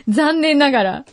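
A woman co-hosting a podcast, giggly and agreeable. Her slightly high voice swings widely in pitch as she chats casually. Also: no room sound. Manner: giggly, agreeable, laughs often. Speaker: podcast co-host. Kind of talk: casual chat.

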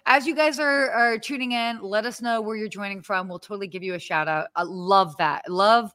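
A woman's voice: medium pitch, normal speed, a bit bright, no echo. Bubbly woman podcast host, dry sound. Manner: bubbly, exclaiming, many fillers. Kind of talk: casual livestream chat. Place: home apartment.

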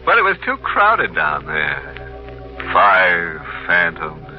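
An actor playing a sinister, punning horror host of an old radio mystery show, in 1940s radio acting. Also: male voice, low voice, huge pitch swings, slow, full character voice. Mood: gloating. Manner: macabre puns with chuckles. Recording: dull old radio recording with music.

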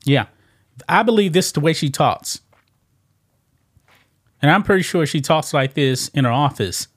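A man's voice: on the high side, lively intonation, moderate pace. Casual emphatic man talking politics. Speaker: online commentary host. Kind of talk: opinionated political commentary.

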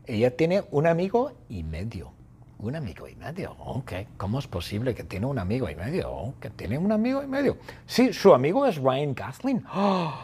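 A man's voice: mid-range voice, darkish tone, slightly rough. A man teaching through a playful story, repeating his phrases and adding sound effects. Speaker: Spanish teacher. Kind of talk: storytelling lesson for learners.

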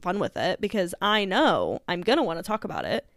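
A woman's voice: on the low side, wildly swooping pitch, a little fast, no echo, studio quality. A woman co-hosting a podcast in casual chat, talking with lots of fillers and laughs. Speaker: podcast co-host.

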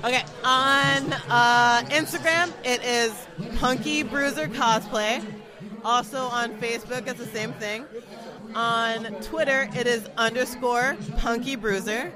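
Speaking at a measured pace in a steady, rather high voice, an American cosplayer from Florida gives a casual, excited interview at a crowded fan convention. Music and crowd sounds fill the background. She gushes with emphasis and frequently circles back over her own phrases.

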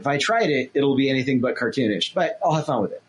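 A man's voice: medium pitch, expressive, fast, breathy edge. A man co-hosting a podcast in casual chat, easygoing and self-deprecating, laughing along. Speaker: podcast co-host.

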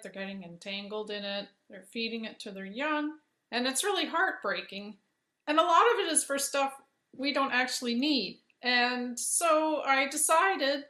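A woman's voice: on the high side, bright, forceful tone. A woman speaking as a podcast guest, earnest and conversational. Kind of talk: casual interview chat. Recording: roomy echoey sound.

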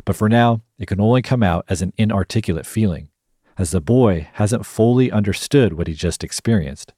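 A man hosting a podcast, narrating a scripted analysis in a measured, explanatory way. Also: fairly low pitch, dark tone, slightly rough, no echo, clean studio sound. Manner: measured, explanatory, reads quotes aloud. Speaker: podcast host.

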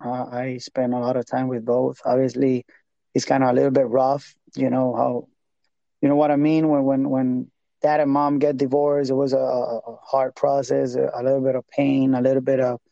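A man in his thirties from Puerto Rico, an evangelist minister speaking English with a Puerto Rican Spanish accent, talking haltingly and repeating words as he searches for them in a casual interview. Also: mid-range voice, little pitch movement, creaky, dark tone, dry recording. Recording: dull lo-fi sound.

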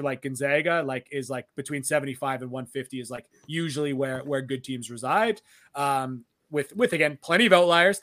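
A man's voice: on the high side, sharp tone, no echo, clean studio sound. A man co-hosting a college sports podcast, talking casually and rambling with many fillers. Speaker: podcast co-host.

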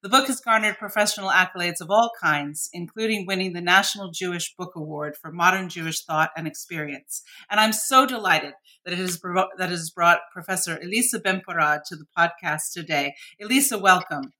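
A woman's voice: fairly low pitch, fairly quick, few pauses, pushed and bright. A woman hosting a podcast interview, reading formal introductions and asking long questions. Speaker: podcast host.

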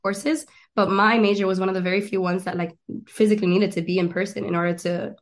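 A woman's voice: mid-range voice, fairly even intonation, quick pace. A woman in her twenties from Miami and Argentina, a guest talking about her career in a casual interview, eager and chatty with many restarts. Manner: chatty and eager, lists things, frequent restarts. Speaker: guest, actress and stand-up comedian.

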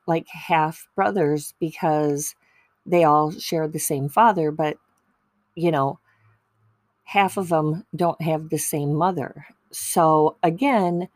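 A woman's voice: sits low, a little mellow, dry recording. A woman giving a casual, chatty devotional talk, digressing and correcting herself as she retells Bible stories. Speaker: speaker sharing Bible stories about mothers.

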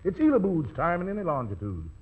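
Introducing records on a 1940s radio broadcast, a man rattles off slangy, rhyming jive-talk patter in a playful hipster manner. His slightly high voice is husky and fast, with pitch that swoops wildly. The audio sounds tinny and old.

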